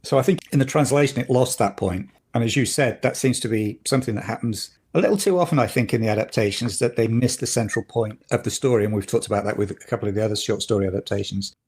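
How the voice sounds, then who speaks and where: A man co-hosting a podcast in casual chat, opinionated and getting animated when something annoys him. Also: mid-range voice, fast, hardly any pauses, husky. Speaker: podcast co-host.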